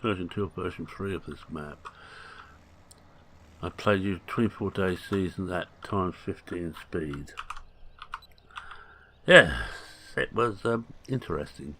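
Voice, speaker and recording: A man's voice: low-pitched, a bit bright, a little hiss or hum. A man, chatting casually through gameplay commentary with rambling, jokey asides. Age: 60s. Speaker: gaming channel host.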